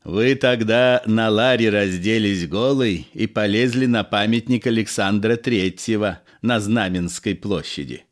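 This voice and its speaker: A man's voice: lowish voice, unhurried, few pauses, natural voice. A man voicing a sentimental former police officer who exclaims and reminisces. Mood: reminiscing.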